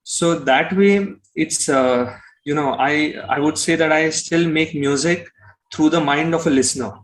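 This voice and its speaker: With a fairly high pitch and a measured pace, a young Indian-accented singer-songwriter answers as an interview guest. He's casual and reflective in his explanations, though the recording is rough.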